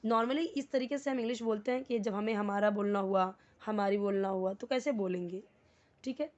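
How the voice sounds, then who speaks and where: A woman teaching to Hindi speakers, reading sentences slowly and then explaining them word by word. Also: mid-range voice, steady tone, a little mellow, dull audio. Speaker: English teacher. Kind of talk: explaining a lesson.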